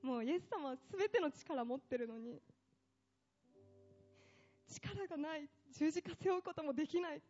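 Lady preacher giving a fired-up sermon, kinda high voice, mellow tone, a bit lo-fi. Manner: impassioned, rising to emphatic lists.

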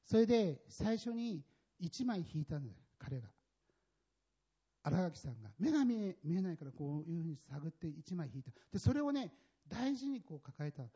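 A man giving a personal testimony in a sermon, telling his story in an animated, emphatic way with a husky voice. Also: high voice, moderate pace. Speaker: church member giving testimony. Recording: dull lo-fi recording.

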